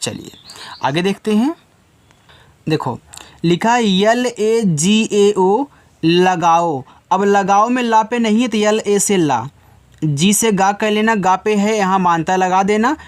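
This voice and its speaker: A man teaching beginners to read, spelling out each letter slowly and talking patiently to children. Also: sits high. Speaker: English reading teacher.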